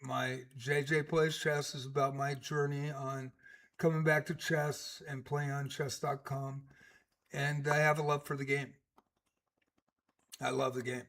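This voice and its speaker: A man's voice: mid-range voice, flat delivery, unhurried, fairly bright tone. A man in his sixties giving casual live-stream chess commentary, chatty and rambling with many fillers. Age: 60s.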